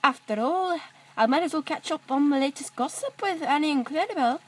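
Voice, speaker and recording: A woman's voice: sits high, animated, voice pushed up. A woman voicing a chatty, cheerful female steam engine who talks in a bubbly rush. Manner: bubbly, gossipy, rapid.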